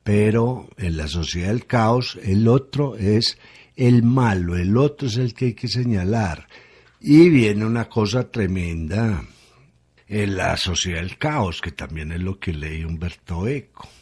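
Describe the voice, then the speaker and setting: A man's voice: fairly low pitch, a little mellow, husky. A man, a guest on a radio conversation, reflecting aloud and asking rhetorical questions.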